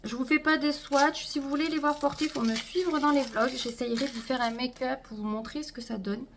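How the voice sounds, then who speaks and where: A woman's voice: high-pitched, fairly even intonation, fairly quick, a little hiss or hum. A woman chatting casually to her viewers as she unboxes a makeup haul, talking to them directly and trailing off with fillers. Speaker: beauty vlogger.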